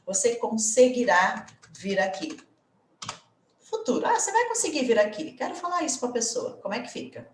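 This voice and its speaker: A Brazilian woman, an English teacher, explaining grammar in a lively way with many tag questions. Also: a little high, normal speed, reverberant, recorded from a distance, slight background noise. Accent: Brazilian Portuguese.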